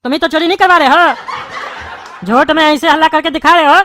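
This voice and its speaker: A woman's voice: high-pitched, moderate pace, noisy background, natural voice. A woman voicing a quarrelsome bald male politician in a cartoon, speaking in a scolding, name-calling manner. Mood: taunting. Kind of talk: cartoon dubbing.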